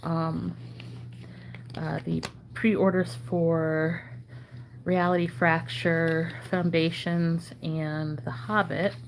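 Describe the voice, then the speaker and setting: A woman chatting casually and haltingly as a channel host, her throat sore and swollen-sounding, often needing clearing. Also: deep voice, level tone, low-quality recording. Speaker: trading card channel host. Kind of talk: casual chat while sorting cards. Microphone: phone camera. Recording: noticeable background noise.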